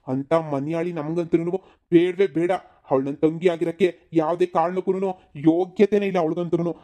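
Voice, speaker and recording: A man's voice: a little high, natural voice. A man doing a raging village father. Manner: shouting threats, then pleading. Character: enraged middle-aged village father. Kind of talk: cartoon comedy dub.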